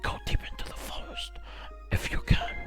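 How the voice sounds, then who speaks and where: A man voicing an ancient, wise male tree spirit in a deep, gravelly whisper, slow and solemn. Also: lightly acted. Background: game music.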